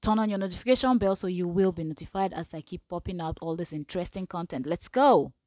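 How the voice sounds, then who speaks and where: A woman's voice: fairly low pitch, fast talker, a little mellow, no room sound, clean studio sound. A woman hosting a video channel, giving an upbeat intro to her viewers. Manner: upbeat, asks viewers to subscribe. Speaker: channel host. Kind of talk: vlog intro.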